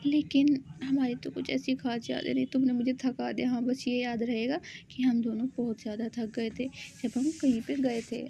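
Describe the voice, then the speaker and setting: A woman's voice: fairly high pitch, little pitch movement, moderate pace, creaky, few pauses, dark tone. A woman voicing a playful young woman who pretends to be grumpy and tough, with huffy, pouting protests. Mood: tired teasing.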